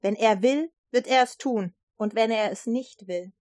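Three steadfast young men speak a calm, firm refusal, as a woman storyteller voices them. The voice is fairly high, in a dry, close recording. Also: measured pace, no room sound, natural voice.

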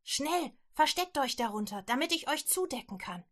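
Woman doing a bold, quick-thinking innkeeper woman, brisk, bright and lively. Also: high-pitched, pitched above the performer's own voice. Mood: urgent.

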